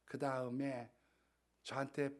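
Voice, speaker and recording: A man voicing an ugly, clingy male frog who pleads in a high, drawn-out whine for a storybook tale. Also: level tone, a little mellow. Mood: coaxing.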